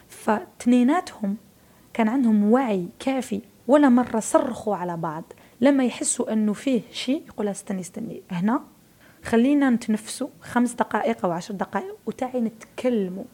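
Her voice is warm, husky, and fairly high in pitch. She's a thirty-something Algerian media figure with an Algerian Arabic accent, speaking emphatically in a casual interview and repeating words for emphasis.

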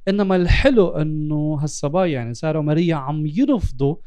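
A man's voice: a little high, fast, warm tone, clear, resonant tone, no room sound. A man with a Lebanese Arabic accent hosting a reflective interview in a life-coach style, dropping English terms into his Arabic and repeating words for emphasis. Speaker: interviewer and host.

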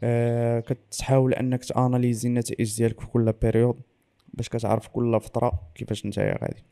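A man's voice: mid-range voice, little pitch movement, fast talker, gravelly, mellow. A man with a Moroccan Arabic accent, explaining as an interview guest and mixing in French and English loanwords.

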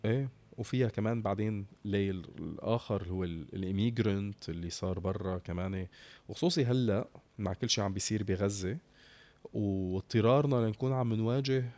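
Syrian guy w a syrian arabic accent, lowish voice, thinking out loud in an interview, some english mixed in. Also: brisk. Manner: mixes English words into Arabic. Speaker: interview guest. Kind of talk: casual reflective conversation.

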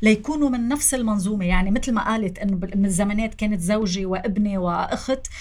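A woman's voice: mid-range voice, rapid-fire, darkish tone. A woman with a Lebanese Arabic accent hosts a political interview, putting questions to her guests. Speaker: interviewer, host.

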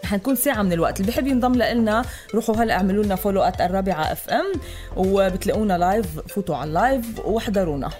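A woman's voice: mid-range voice, animated, rapid-fire, darkish tone. A woman with a Lebanese accent co-hosting a morning radio show in an enthusiastic, chatty way. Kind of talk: lively casual radio banter. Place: radio studio. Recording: faint music behind the voice.

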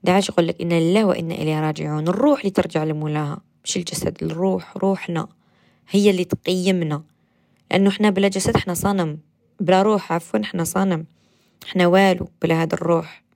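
A low, gravelly woman's voice with a mellow, dark tone and an Algerian Arabic accent. She hosts a guided meditation and self-affirmation talk on the radio. She coaxes gently, repeats affirmations and sinks at times into a soft whisper. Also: steady tone, very fast. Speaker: radio host.

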